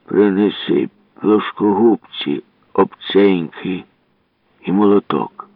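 A grumbling old grandfather, voiced by a man reading a story, scolds in slow, gruff tones. The voice sits low and dry. It comes through a thin, phone-like radio broadcast. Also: no echo. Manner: gruff, scolding, drawn-out words.

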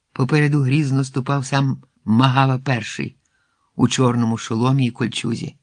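A man narrating a fairy-tale adventure in an expressive storybook reading, dropping to a hush at tense moments. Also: mid-range voice, no room sound.

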